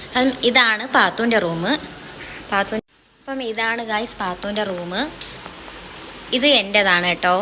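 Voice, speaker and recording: A woman's voice: medium pitch, unhurried, long pauses, background noise. A young woman, chatting casually as she gives a home tour and keeps calling out to her viewers. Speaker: vlogger giving a home tour.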